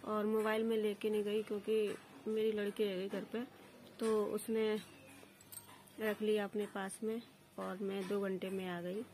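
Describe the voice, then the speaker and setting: A woman's voice: mid-range voice, flat delivery, a little slow, a little mellow, slight background noise. Woman chatting in a home vlog. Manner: chatty, talks to viewers and her child. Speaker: vlogger. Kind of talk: casual home vlog talk.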